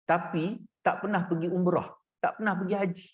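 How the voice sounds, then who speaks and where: A man's voice: high-pitched, moderate pace, dull audio. A man, a religious teacher telling a story in a sermon and addressing his listeners directly. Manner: addresses listeners directly, animated retelling with acted quotes.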